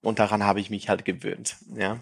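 A Brazilian-born startup founder in his thirties, raised in Switzerland with Portuguese and French as first languages, chats casually as an interview guest. His light French-tinged Swiss accent comes through a lowish, breathy voice with vocal fry, flat delivery and a slightly quick pace. He's self-deprecating and uses plenty of fillers.

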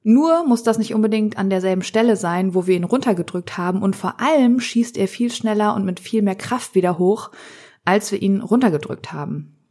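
A woman hosting a podcast, speaking calmly and earnestly in a reflective monologue. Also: mid-range voice, normal speed. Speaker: podcast host.

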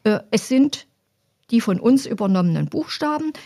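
A woman, a Latin teacher patiently explaining in a relaxed podcast conversation. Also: fairly high pitch, moderate pace. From Weimarer Land, Germany.

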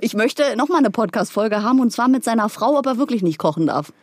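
A woman's voice: fairly high pitch, expressive, fast, no room sound, clean studio sound. A woman hosting a chat podcast, interviewing a guest and laughing along. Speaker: podcast host.

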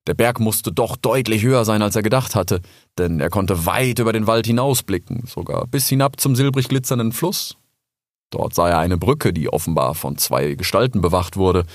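Male audiobook narrator, animated storyteller, dry close sound. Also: lowish voice, normal speed, dry recording. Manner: expressive, lively storytelling.

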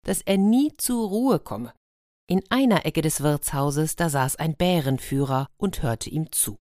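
A woman who hosts a weekly children's show, reading a fairy tale aloud in a calm, clear storytelling manner. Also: deep voice, no echo, studio quality.

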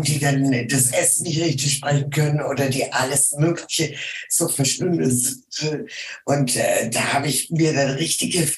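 Middle-aged woman voice coach as a guest, deep-toned, unhurried and measured, pausing often, in a roomy room. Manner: slow, deliberate, with many hesitations. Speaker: voice and singing teacher, guest. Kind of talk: casual interview talk.

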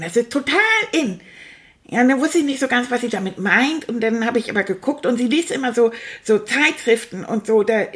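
A woman voicing an excitable male plush toy rat who rambles breathlessly through his story. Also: a little high, close to an everyday voice. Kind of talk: puppet storytelling for children.

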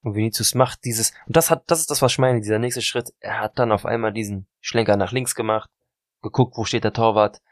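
A man's voice: lowish voice, fairly even intonation, a little fast, no echo, studio quality. A sleep-deprived man, rambling through a casual football podcast chat and often correcting himself. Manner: rambling, self-correcting, apologetic. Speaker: podcast co-host.

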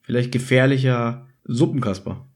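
A man with a mid-range voice talks at normal speed as a podcast host, casually chatting about an audio drama episode. He jokes playfully and acts out bits along the way.

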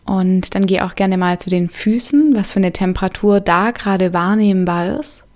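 Woman doing a guided meditation, soft soothing voice, medium pitch, gentle pauses.

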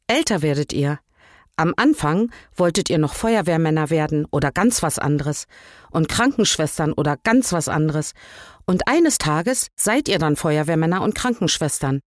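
An older woman voicing a tiny fat old king who shrinks with age, speaking slowly and thoughtfully in a lowered voice. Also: animated, dry recording, clean studio sound. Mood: musing.

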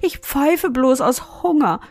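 A woman's voice: high-pitched, unhurried, a little mellow, no echo, faint music behind, pitched above the performer's own voice. A woman voicing a whiny, hungry female mouse who pleads and wails in a storybook reading. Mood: pleading. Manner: wailing, pleading and sobbing.

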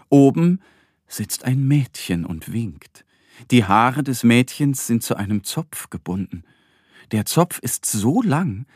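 A man narrating a children's story in a slow, gentle, expressive bedtime-reading manner. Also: mid-range voice, husky, dry recording, clean studio sound.

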